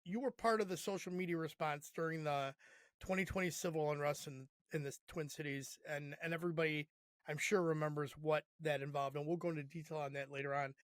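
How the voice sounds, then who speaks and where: A man with a somewhat high voice hosts a podcast interview, friendly and prone to winding questions. His voice sounds close and dry, with no room around it. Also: steady tone, brisk, no echo. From Chicago area. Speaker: podcast host. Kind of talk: conversational interview.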